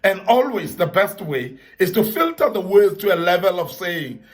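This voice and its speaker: A man's voice: high voice, big pitch swings, moderate pace. A man giving an earnest motivational talk to young men, repeating key points for emphasis and citing the Bible.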